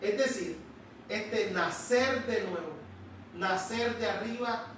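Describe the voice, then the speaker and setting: Slow, emphatic high-voiced male preacher. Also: fairly bright tone, slight background noise. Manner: slow, emphatic, drawing out key words. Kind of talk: sermon. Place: church sanctuary. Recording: echoey church hall, distant mic.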